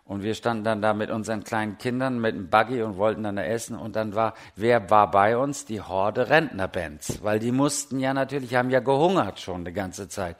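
A middle-aged man from Germany preaching a sermon, telling stories with lively swings between loud and hushed delivery. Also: lowish voice, a little fast, few pauses. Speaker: pastor.

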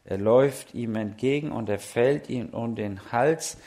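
A middle-aged man preaching a sermon, chatty and animated, swinging from soft asides to loud, emphatic peaks. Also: mid-range voice, unhurried. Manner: chatty, asks the audience questions and laughs.

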